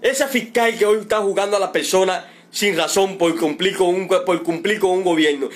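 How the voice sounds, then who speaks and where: A middle-aged Cuban man, a father of a detained protester, making an emotional, indignant and repetitive appeal in a livestream. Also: sits high. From Cuba. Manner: pleading, indignant, repetitive, drawn-out emphasis.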